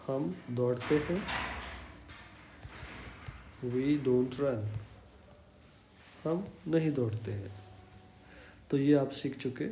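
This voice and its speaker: A man teaching an English class in a slow, explanatory way, patiently repeating each example. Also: mid-range voice, warm tone. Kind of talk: slow explanatory language lesson. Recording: echoey room with faint hum.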